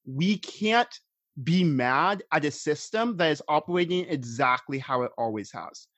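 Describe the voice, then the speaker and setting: Calm young man laying out his reasoning. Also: on the high side, a little slow, no room sound. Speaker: podcast co-host. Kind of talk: casual podcast chat.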